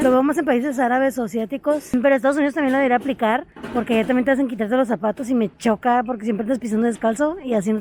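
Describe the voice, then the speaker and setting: A woman's voice: fairly high pitch, a little mellow, slight background noise. A young Mexican woman with a Mexican accent vlogging on her phone in airports, chatty, slangy and worn out from travel. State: tired from travel. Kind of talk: casual travel vlog. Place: airports, in transit.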